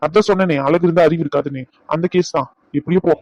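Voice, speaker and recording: A man's voice: fairly high pitch, steady tone, fast, darkish tone, close to an everyday voice. A man playing a bossy teasing young doctor. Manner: teasing, scolding banter. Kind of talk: dubbed serial drama. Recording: dull dry recording.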